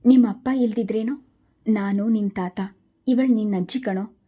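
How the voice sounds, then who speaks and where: Woman voicing older grandfather, storybook figure, pleading, heavy-voiced, dark mellow tone. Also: mid-range voice, moderate pace, close to an everyday voice. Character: older grieving wealthy grandfather.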